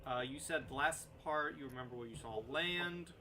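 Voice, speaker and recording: A man's voice: medium pitch, moderate pace, pushed and bright. A man narrating as game master of a tabletop game, playful and teasing with his players.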